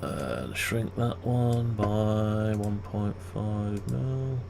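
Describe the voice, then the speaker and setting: Extremely slow and creaky, this lowish male voice belongs to a video creator working through a CAD design demonstration. He mutters, questions himself, and thinks aloud with no script. Typing and a steady background noise can be heard.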